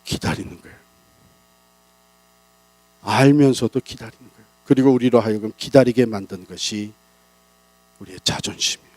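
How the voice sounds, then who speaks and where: A man's voice: moderate pace, long pauses, no echo, rough recording. Man preaching with dramatic swings. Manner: dramatic, big swings in pitch and loudness. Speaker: pastor. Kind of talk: revival sermon. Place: church.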